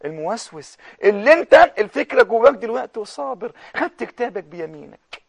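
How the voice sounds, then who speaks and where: A man preaching a televised sermon in Egyptian Arabic, impassioned, moving between hushed and loud passages. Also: very high voice, sing-song, quick pace, creaky, dry recording. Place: TV studio.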